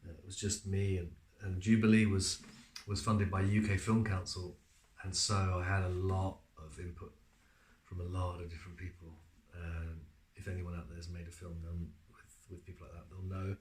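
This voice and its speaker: A relaxed man speaks in a slightly low voice, chatting casually about his acting work with plenty of fillers as he tells stories. The room gives his voice a noticeable echo. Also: normal speed. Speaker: actor being interviewed. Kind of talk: casual interview answers.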